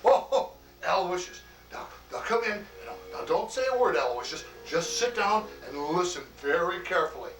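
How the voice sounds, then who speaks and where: A man performs a hearty, grandfatherly Santa Claus who chuckles and muses aloud with plenty of "oh" and "why". The voice sits somewhat high for a man and is heard from a distance in an echoey room. Faint music plays underneath. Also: lively intonation, a bit bright. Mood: jolly. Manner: chuckling often, slow homely delivery with many "oh" and "why". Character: jolly old Santa Claus, hearty and fatherly. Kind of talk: acted monologue for a personalized greeting video.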